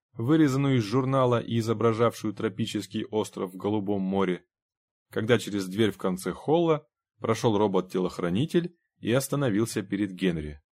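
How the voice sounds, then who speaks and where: A man reading a science fiction audiobook aloud, expressive and giving the characters voices. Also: fairly low pitch. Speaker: audiobook narrator. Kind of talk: scripted narration.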